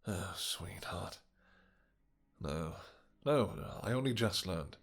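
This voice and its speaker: A man playing a possessive, doting vampire king in a romantic fantasy roleplay, speaking in courtly, old-fashioned phrases with hesitant pauses and endearments. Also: deep voice, expressive, vocal fry, breathy edge, heavily acted. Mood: menacing, wounded. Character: doting, possessive, vengeful male vampire king with horns and wings.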